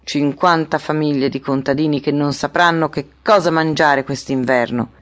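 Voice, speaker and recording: A woman reading an audiobook, voicing a gruff tall male tax collector with a cracked voice, speaking slowly. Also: fairly high pitch, steady tone, a bit bright, lightly acted. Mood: grim.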